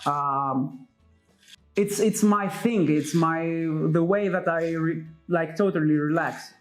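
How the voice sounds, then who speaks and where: A man's voice: on the high side, slow pace, soft background music. A man, chatting as a guest in a barber's chair, thoughtful and hesitant with many fillers. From Crete, Greece. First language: Greek. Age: 20s. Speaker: guest, medical student. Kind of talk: casual chat.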